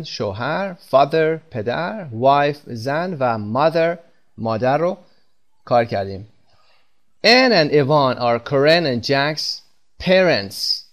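Persian-speaking guy teaching english, super slow example sentences, quick explaining in between. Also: medium pitch. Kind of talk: recorded language lesson.

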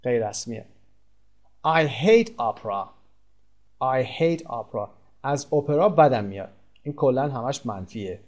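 A man whose first language is Persian, teaching English in a recorded lesson, explaining step by step and drawing out the English example phrases slowly. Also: mid-range voice, a little mellow.

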